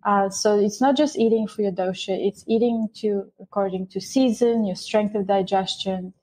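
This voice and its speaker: A woman from Bulgaria, a guest author, explaining ideas in an interview with lively, restarting phrasing. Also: mid-range voice, normal speed, husky. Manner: explanatory, animated, with frequent restarts. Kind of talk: interview conversation.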